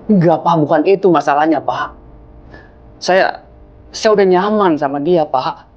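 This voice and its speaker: A man's voice: a little high, unhurried, highs cut off, natural voice. A young man playing a son-in-law who apologizes and pleads with his angry father-in-law in a film. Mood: pleading. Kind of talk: low-budget film acting.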